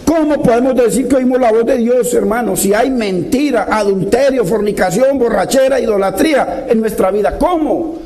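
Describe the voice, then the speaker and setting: Impassioned preacher, male; high voice with a mellow, dark timbre. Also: normal speed, hardly any pauses. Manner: impassioned, exhorting, repeated direct address. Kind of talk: sermon.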